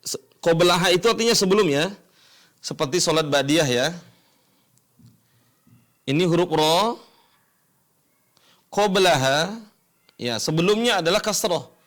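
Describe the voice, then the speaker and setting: A man teaching Quran recitation rules step by step, asking and answering his own questions and chanting examples slowly. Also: a little high, lively intonation, fairly bright tone. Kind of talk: educational lesson explaining tajwid rules.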